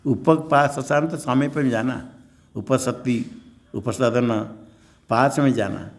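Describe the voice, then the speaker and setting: An older man teaches a scripture class as a monk. He works through each term slowly, repeating it and glossing it in plain words. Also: mid-range voice. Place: ashram.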